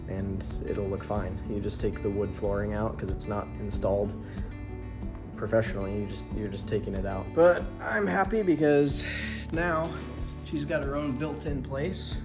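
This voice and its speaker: Man, casual DIY vlogger, chatty, self-correcting, middle voice, guitar music behind. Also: medium pitch. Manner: rambling, chatty, self-correcting, talks to his dog. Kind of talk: casual on-camera project talk. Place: indoors at home.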